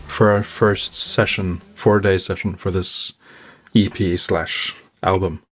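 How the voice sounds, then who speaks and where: A man with a Norwegian accent recalls recording sessions with his band in a relaxed interview. His voice is low and friendly. Faint music sits behind the talk. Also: takes it slowly, dry recording, clean studio sound. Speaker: singer, bassist and songwriter.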